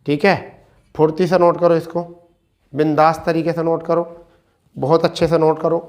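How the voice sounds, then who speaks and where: A male teacher leads an online exam-prep lesson on spelling. His voice sits a little high, and he repeats every point. He poses questions to his students and answers them himself. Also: little pitch movement, moderate pace, a little mellow. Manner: repetitive, asks and answers own questions; addresses students as beta.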